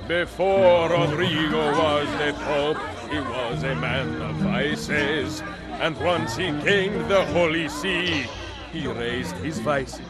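A man's voice: on the high side, slow, a loud crowd. An actor playing a male Renaissance minstrel who sings mocking rhymes in a theatrical, sing-song way, in a video game. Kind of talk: sung verse in a video game. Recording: game audio under loud music.

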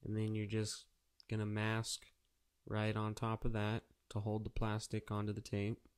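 Here a man gives a how-to tutorial as an auto painter, walking through each step casually and in a practical, matter-of-fact way. He speaks in a fairly low, smooth monotone and takes his time.

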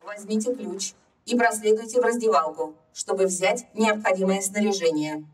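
A woman's voice: medium pitch, normal speed, lightly acted. A woman voicing a stern security computer. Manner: cold, formal, repetitive announcements. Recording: distant voice over game music.

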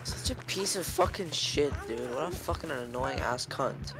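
A woman chatting while playing a game with a friend, with frustrated, profane outbursts and yelling. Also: very deep voice, animated, moderate pace, loud music behind the voice. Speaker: gaming teammate. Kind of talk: casual gameplay chat.

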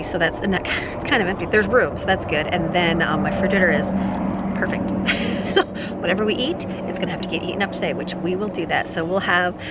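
A woman in her forties, a family vlogger, rambles casually through a grocery haul on a handheld camera, laughing often, in a lowish voice over very noisy audio. She's outdoors on a porch, having earlier filmed indoors at a kitchen counter.

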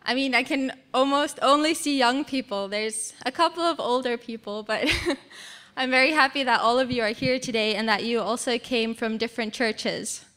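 A woman's voice: a little high, normal speed. A woman in her twenties, from Switzerland and raised in Singapore, giving a friendly talk in a church hall. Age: 20s. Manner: friendly, relaxed, laughs easily. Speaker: guest speaker. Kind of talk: church talk about mission work. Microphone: stand mic.

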